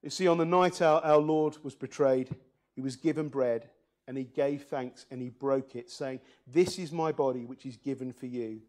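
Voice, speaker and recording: A man's voice: mid-range voice, normal speed, a little mellow. Man, preacher, church sermon, earnest, reads scripture, asks questions.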